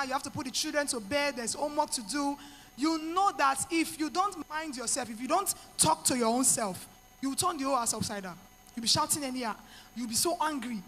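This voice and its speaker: Bright-voiced Nigerian woman preaching. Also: high voice, long reverb tail. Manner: earnest, preachy, mixes in pidgin asides. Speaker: speaker to women. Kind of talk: motivational talk.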